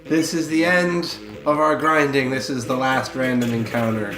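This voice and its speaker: A man gives casual commentary as co-host of a let's play. His voice is mid-pitched and echoes in the room, with game music clearly behind him. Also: flat delivery, normal speed.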